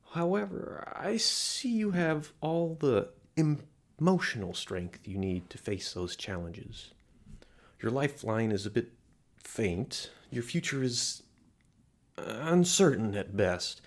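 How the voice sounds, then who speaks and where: In an intimate audio roleplay, a man with a fairly low voice plays a flirtatious, theatrical palm reader at a fantasy inn, coaxing the listener with courtly turns of phrase.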